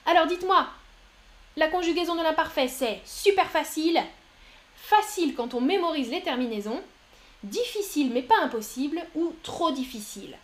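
A woman teaching French on a live stream, reading out viewers' chat answers and praising them warmly. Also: sits high, expressive, normal speed. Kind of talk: live-streamed language lesson.

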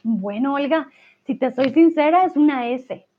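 A woman's voice: high voice, animated. A woman teaching Spanish in a live class, answering viewer chat and laughing often. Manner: laughs often, speaks slowly and clearly. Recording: tinny phone-like sound.

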